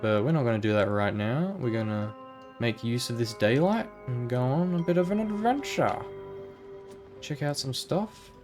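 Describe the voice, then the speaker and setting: Casual guy narrating his gameplay, thinking out loud, middle voice, soft music behind. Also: medium pitch, lively intonation, normal speed. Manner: chatty, muses aloud, reads game text aloud. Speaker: let's play gamer.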